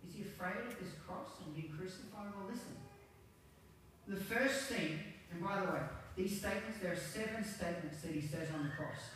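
A man delivering a Good Friday sermon in a relaxed, conversational way, full of rhetorical questions to the congregation. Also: high-pitched, normal speed. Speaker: pastor. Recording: very echoey hall, distant mic, faint noise.

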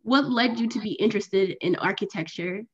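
A woman's voice: mid-range voice, a little fast, slightly rough, muffled recording. A young woman hosting a student podcast, bubbly and enthusiastic in an upbeat way. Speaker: podcast host.

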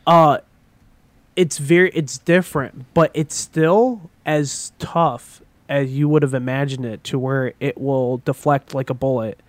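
A man's voice: medium pitch, fairly even intonation, a little slow, dry recording. A man chatting casually as a podcast co-host, rambling with lots of fillers and swearing. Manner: rambling, with many fillers and profanity. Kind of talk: casual chat.

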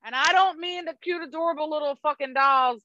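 A woman's voice: high voice, a little fast, bright, forceful tone, no echo. A middle-aged woman co-hosting a podcast in casual chat, blunt and sweary as she reads through a list. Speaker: podcast co-host. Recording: dull lo-fi remote audio.

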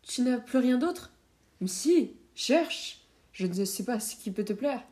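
A woman reading as a gentle wealthy friend. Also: a little high, animated, unhurried. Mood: obliging.

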